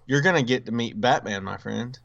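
A man's voice: medium pitch, fairly quick, creaky, a bit bright, lo-fi sound. A man co-hosting a podcast in casual chat, enthusiastic and often restarting his sentences. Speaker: podcast co-host.

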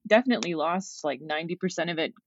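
A woman's voice: low voice, lively intonation, quick pace, lo-fi sound, a little hiss or hum. A young woman from Kanehsatake, chatting casually as an interview guest and laughing often, with many "like" fillers. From Kanehsatake, Quebec, Canada. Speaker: guest, game developer.

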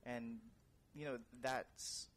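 Young male guest from the Philippines, earnest and thoughtful with pauses, faint rumble behind. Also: steady tone. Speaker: guest, actor and director. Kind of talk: casual interview.

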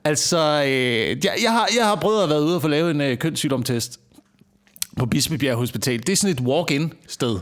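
Let lys mand, sjofel fortæller. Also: male voice, fairly high pitch, lively intonation, fairly bright tone. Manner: joking, storytelling, crude. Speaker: podcast co-host, performer. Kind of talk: casual podcast banter. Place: office.

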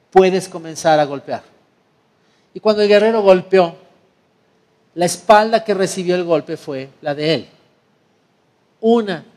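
A man's voice: sits high, darkish tone, big-room sound. A male preacher, telling a story in a sermon as a vivid storyteller. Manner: vivid storyteller acting out scenes.

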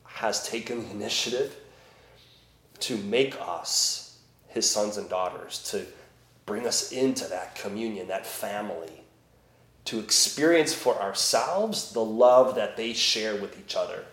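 Slow priest with church echo. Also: male voice, lowish voice, animated, fairly bright tone. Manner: slow, deliberate, with emphatic swells. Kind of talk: Gospel reading and homily at Mass. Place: church during Mass. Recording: echoey church room.

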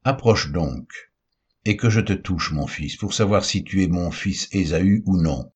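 A man's voice: low voice, measured pace, breathy edge. A man reading the part of an old blind father who gives a solemn blessing and questions his son. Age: older.

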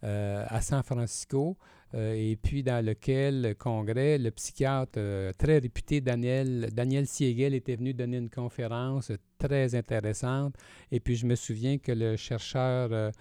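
Quebec french guy on a podcast, soft warm tone, dry close sound, explains stuff slowly with pauses. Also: mid-range voice, steady tone, clean tone, no echo. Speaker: podcast co-host, counselling professional. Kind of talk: conversational podcast discussion.

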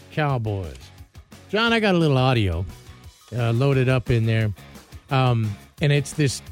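A man hosts a relaxed morning radio show, his voice sitting a bit high. He rambles loosely through the news with plenty of filler words. A faint music bed plays behind him. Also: no room sound. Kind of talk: casual morning radio chat.

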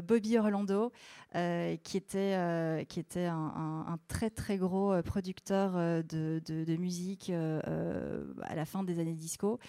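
A woman casually presenting vinyl records, talking in a hesitant, halting way with lots of fillers and restarts. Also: fairly low pitch, warm tone, clean tone, dry recording.

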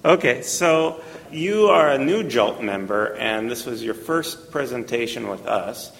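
A man hosting a podcast interview, friendly and quick to laugh. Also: mid-range voice, animated, vocal fry, fairly bright tone, big-room sound. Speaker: podcast host.

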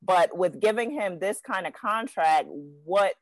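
A woman's voice: medium pitch, unhurried, dry recording. A woman hosting a casual sports podcast, speaking into a close podcast mic. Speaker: podcast host.

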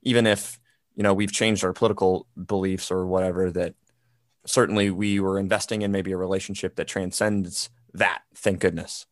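A man co-hosting a podcast, talking in an animated, rambling way with lots of fillers. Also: sits low, normal speed, no room sound, studio quality. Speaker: podcast co-host. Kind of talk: casual podcast conversation.

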